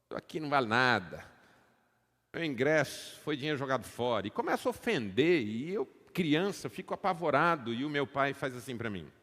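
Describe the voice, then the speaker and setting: Brazilian pastor preaching in a reverberant hall. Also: male voice, mid-range voice, sing-song, brisk. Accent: Brazilian Portuguese. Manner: dramatic storytelling, rising to loud emphatic peaks; calls for audience responses. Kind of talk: sermon. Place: church auditorium.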